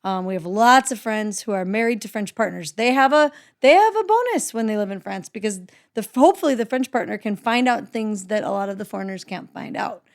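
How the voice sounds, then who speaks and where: This podcast co-host, a native English speaker, talks animatedly and a bit fast with hardly any pauses, her voice mid-range. She keeps the chat casual, dispensing encouraging advice amid plenty of laughter.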